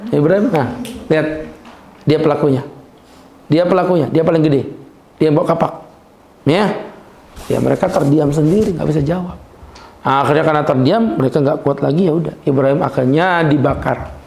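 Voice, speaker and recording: A middle-aged man giving a humorous religious lecture as a preacher, joking and lively, laughing often and slowing down to stress his points. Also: fairly high pitch, creaky. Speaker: Islamic preacher. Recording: echoey room.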